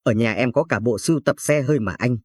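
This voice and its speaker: A man's voice: medium pitch, fast talker, no room sound, studio quality, natural voice. A man voicing a rich, showy woman who coos and boasts. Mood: flirty. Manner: cooing, boastful.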